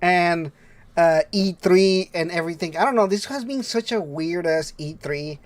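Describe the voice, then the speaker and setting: Excitable male podcast host, dry mic. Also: high voice, moderate pace, no echo. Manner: excitable, laughs often, rambling. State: under the weather. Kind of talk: casual podcast chat.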